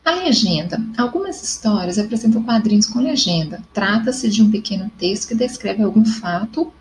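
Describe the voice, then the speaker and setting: A woman's voice: medium pitch, expressive, moderate pace, darkish tone, a little hiss or hum, rough recording. A young adult woman with a Brazilian Portuguese accent, teaching an online class and checking in often to confirm the students follow. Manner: explanatory, checks in with "tá?" and "ok?".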